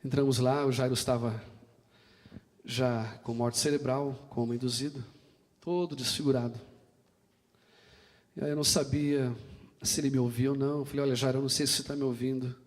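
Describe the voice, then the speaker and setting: A man's voice: mid-range voice, fairly even intonation, brisk, long pauses. A man preaching a sermon with a Brazilian Portuguese accent, telling stories and acting out their dialogue with passion. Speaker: pastor. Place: church sanctuary. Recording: long hall reverb in a church.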